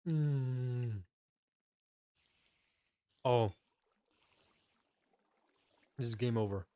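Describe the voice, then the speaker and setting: A man's voice: mid-range voice, extremely slow, dark tone, smooth, no echo. A man streaming a game, chatting casually with his chat and eating a meal at his close desk mic. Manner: chatty, eats on mic while talking to chat.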